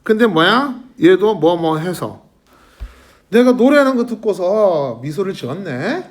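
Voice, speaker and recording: Guy teaching english grammar to a class, high voice that jumps all over, keeps asking the kids questions. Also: measured pace. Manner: lively, questioning students constantly. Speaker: middle school English teacher. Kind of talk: classroom lecture.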